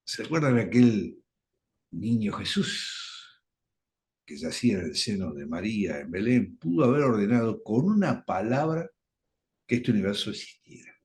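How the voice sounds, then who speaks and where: A man teaching a radio Bible study, speaking deliberately and stressing key words. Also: fairly low pitch, animated, a little mellow.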